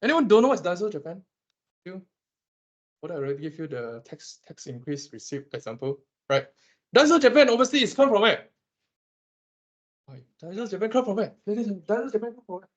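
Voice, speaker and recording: A Malaysian man lecturing his class on economics, animated and teasing as he quizzes students. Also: sits high, brisk, long pauses, muffled recording. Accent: Malaysian English.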